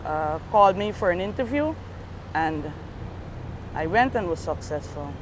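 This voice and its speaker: Standing by a street junction, a female police sergeant with a Guyanese accent answers interview questions briefly and matter-of-factly. Her lowish voice is expressive and a little slow, and outdoor traffic noise fills the recording.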